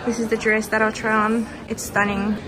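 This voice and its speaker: A young woman vlogs her shopping trip through a big department store and boutiques, talking to camera in a casual, gushing, enthusiastic way. Her fairly high voice is monotone and moderately paced. The poor audio picks up a crowd, busy store noise, and music.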